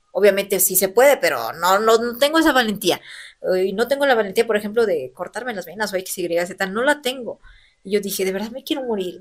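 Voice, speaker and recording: A woman, in her thirties, telling her personal story as an interview guest, earnest and animated. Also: medium pitch. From Mexico. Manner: earnest, animated, acts out quoted voices. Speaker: interview guest, elected local legislator.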